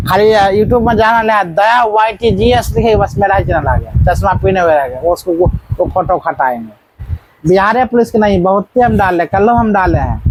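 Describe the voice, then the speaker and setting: High-voiced man quizzing a class. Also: a little hiss or hum, poor audio. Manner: quizzing students with repeated questions. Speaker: teacher. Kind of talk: classroom biology lesson.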